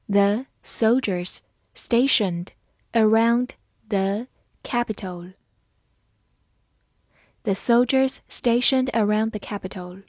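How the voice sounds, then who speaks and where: A woman gives a scripted vocabulary lesson at an unhurried pace. She spells each word out letter by letter and reads the example sentences slowly, and the close mic sounds dry, with no room echo. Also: on the high side, a little mellow. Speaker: English vocabulary teacher.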